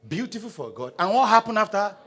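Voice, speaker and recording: A man's voice: very animated, fast, slight background noise. A young man with a Nigerian English accent preaching a sermon on a church stage into a handheld mic, calling on the congregation to read along and answer back. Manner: call-and-response preaching, prompting the congregation to read aloud; paces the stage, swings between loud emphasis and low asides. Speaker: pastor. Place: large church auditorium stage.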